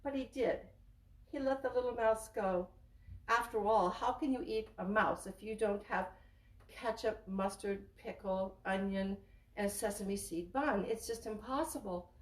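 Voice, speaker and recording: A woman storyteller telling a children's fable in a playful, animated way, asking the listeners questions, recorded in a library room from a distant camera. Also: medium pitch, a little slow, echoey room.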